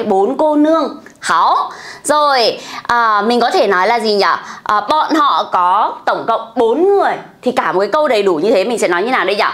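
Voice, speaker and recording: A Vietnamese woman teaching a lesson, asking questions and answering them herself, drawing out the words she models. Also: a little high. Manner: asks and answers her own questions, playful. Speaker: Chinese teacher. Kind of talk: online language lesson.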